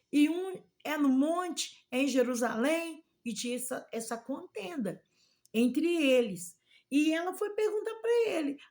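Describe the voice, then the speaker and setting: A woman missionary preaching a sermon in a fairly high voice. She takes her time, retelling scripture dialogue in everyday words and pausing to praise God. Her tone is fervent and openly amazed. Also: a little mellow. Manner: retells scripture dialogue in plain speech, often adding "né?" and "louvado seja Deus". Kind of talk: sermon retelling a Bible story.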